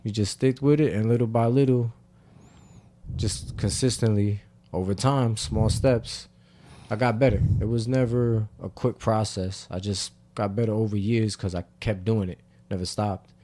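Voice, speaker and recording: A young man co-hosting a podcast, telling a story in a relaxed, casual way with fillers. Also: lowish voice, normal speed. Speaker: podcast co-host. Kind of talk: casual chat.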